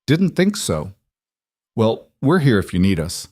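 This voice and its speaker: A man's voice: lowish voice, big pitch swings, measured pace, a little mellow. A man voicing a loyal, blunt ranch friend ready to help. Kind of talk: audiobook character voice.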